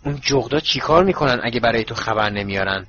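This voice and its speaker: A man's voice: medium pitch, lively intonation, muffled recording, lightly acted. A man reading a spiteful, suspicious thin aunt. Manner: hushed, hissing.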